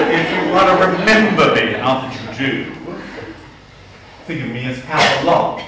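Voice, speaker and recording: In a roomy church captured by a distant mic, with background noise, a middle-aged man from Boston, USA, delivers a humorous sermon as an archdeacon. His mid-range voice moves slowly and deliberately through wry anecdotes, and he has a Boston accent.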